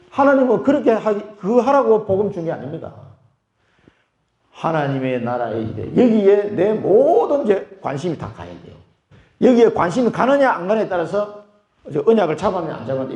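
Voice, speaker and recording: Animated middle-aged pastor preaching in an echoey church. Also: male voice, high-pitched. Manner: animated, storytelling, acts out both sides of a dialogue. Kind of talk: sermon with a personal story. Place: church sanctuary.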